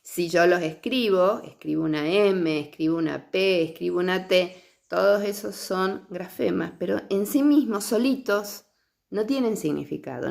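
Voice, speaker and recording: Slow, gravelly woman teacher. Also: mid-range voice. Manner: patient, checks in with listeners often. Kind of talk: lecture on early literacy.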